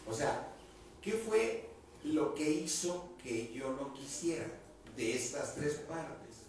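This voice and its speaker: A man's voice: a little high, big pitch swings, slow, darkish tone, slight background noise. A man preaching a sermon as pastor, often asking the congregation questions and repeating key words. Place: church hall. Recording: echoey room, voice from a distance.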